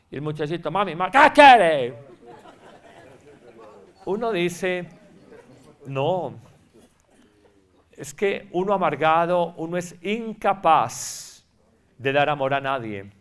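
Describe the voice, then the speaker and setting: A priest speaks at a spiritual retreat in a fairly high voice. He preaches with emphasis, repeats his points and acts out the people he quotes. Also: lively intonation, unhurried, long pauses, smooth.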